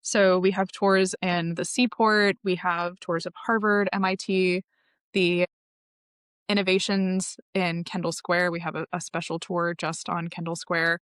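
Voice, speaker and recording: A woman's voice: on the low side, flat delivery, a little slow, fairly bright tone, clean tone, dry recording, studio quality. A woman guest on a podcast, explaining her tour company in long, enthusiastic, informative answers. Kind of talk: podcast interview.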